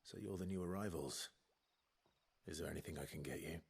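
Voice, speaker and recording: A man voicing a grave young swordsman in a video game, speaking in a low, steady, husky voice. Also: brisk, exaggerated voice. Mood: calm, gentle.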